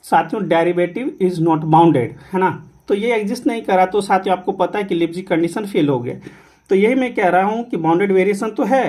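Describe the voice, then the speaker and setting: A man's voice: high voice, moderate pace, a little mellow. A man giving an exam-prep maths lecture, mixing Hindi and English, repeating key rules and asking and answering his own questions. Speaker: maths teacher.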